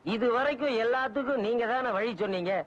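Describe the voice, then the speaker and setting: A man's voice: very high voice, fairly quick. A man playing an eager, talkative character in an old film, from a muffled soundtrack. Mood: earnest. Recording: dull old film audio with loud music.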